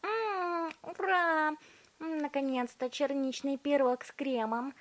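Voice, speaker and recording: Woman doing a shrill bratty gum-chewing girl. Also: steady tone, slow. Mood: bratty, greedy. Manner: shrill, demanding, smacking and humming while chewing.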